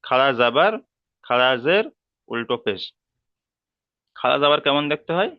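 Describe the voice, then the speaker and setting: A man with a Bengali accent teaching a slow, step-by-step reading lesson, patiently repeating each term and drawing out each sound. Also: medium pitch, expressive, clean tone, no echo, highs cut off.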